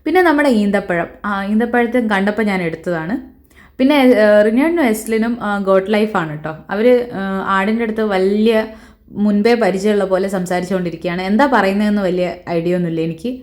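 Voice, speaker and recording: A woman talks over her travel footage in a loose, chatty voice-over. She often pauses mid-sentence to hunt for the right word. Her voice sits at an ordinary middle pitch. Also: darkish tone. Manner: chatty, often searching for words. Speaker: travel vlogger. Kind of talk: casual voice-over narration.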